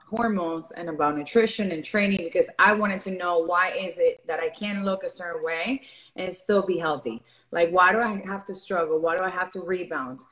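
Her voice sits on the low side yet sounds fairly bright, though the audio quality is poor. She's a young fitness coach from Venezuela on a podcast, chatting interview-style in an open, earnest way full of fillers.

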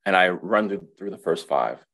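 Deep-voiced man, reflective counselor. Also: lively intonation, normal speed, a bit bright. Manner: reflective, many restarts and repetitions. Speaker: counselor and guest. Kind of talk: casual webinar conversation.

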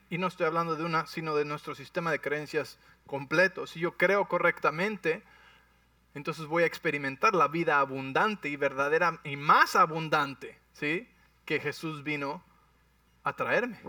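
A man preaching a sermon as a pastor, animated and often checking in with his listeners. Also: on the high side, normal speed, dry recording, recorded from a distance.

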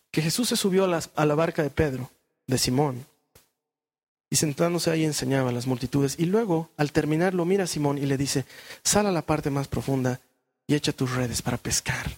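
A man preaching a sermon as a pastor, animated and acting out the voices of the people he quotes. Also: high voice, husky.

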